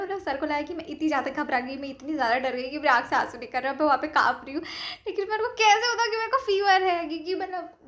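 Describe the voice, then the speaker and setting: A young woman, a medical student, casually telling a story and acting out what others said in animated quotes. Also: high voice. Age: young adult. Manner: animated, quotes others in lively acted voices.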